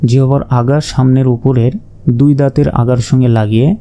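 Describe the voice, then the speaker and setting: A man teaching Quran reading, slowly naming and repeating each Arabic letter and explaining how to pronounce it. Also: medium pitch, little pitch movement, mellow, smooth. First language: Bengali. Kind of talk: slow letter-by-letter pronunciation lesson.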